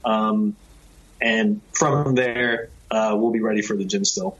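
A man with a low voice walks through the technical steps of distilling. He hesitates often, filling pauses with ums and uhs. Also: a bit bright, highs cut off, a little hiss or hum. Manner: hesitant, technical, many fillers. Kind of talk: casual interview chat.

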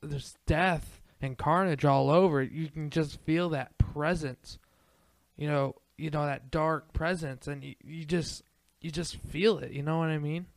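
A man co-hosting a paranormal podcast, chatting casually in a halting way with lots of fillers and repeats. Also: a little high, fairly even intonation, no room sound. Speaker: podcast co-host. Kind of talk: casual chat.

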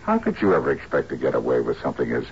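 An actor playing a shrewd private detective in a drama, talking in a dry, deliberate, sardonic way. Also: male voice, rumbling low, wildly swooping pitch, a little mellow, lo-fi sound, a little hiss or hum, exaggerated voice. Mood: sardonic, scornful. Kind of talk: screen drama acting.

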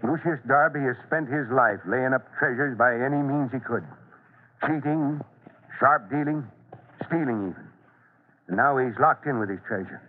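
A man playing a grave, authoritative, fatherly fire chief in a measured, somber old-time radio drama style. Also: medium pitch, lightly acted. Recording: muffled, tinny vintage radio recording.

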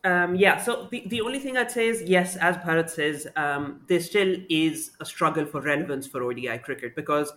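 A man with a somewhat high, sharp voice talks at a normal speed with few pauses. He's a cricket sub-editor appearing as a guest sports writer on a podcast, chatting casually and articulately, restarting now and then and poking fun at himself.

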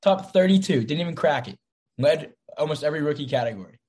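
A man's voice: a little high, animated, fast talker, darkish tone. A young man hosting a casual sports podcast, teasing and confident, steering it from segment to segment. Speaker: podcast host.

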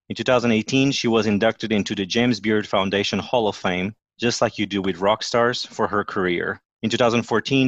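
A man's voice: fairly low pitch, dry recording, highs cut off. Upbeat Portuguese-accented man hosting. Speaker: podcast host. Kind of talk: podcast interview.

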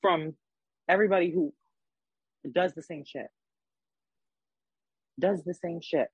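A man's voice: fairly high pitch, slow, breathy edge, dry recording, rough recording. A young man hosting a casual podcast chat, talking emphatically and swearing freely. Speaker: podcast host.

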